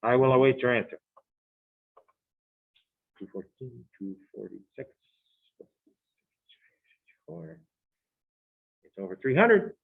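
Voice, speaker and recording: A man's voice: mid-range voice, sing-song, takes it slowly, gravelly, pauses often, slightly rough. A man teaching a chemistry class, working problems aloud and quizzing his students in a chatty, thinking-aloud way. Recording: tinny phone-like classroom recording.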